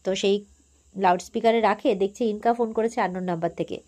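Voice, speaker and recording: A woman's voice: mid-range voice, fairly even intonation, fast talker, a little mellow. A woman host giving a casual, chatty recap of a TV serial episode, talking through it with everyday fillers.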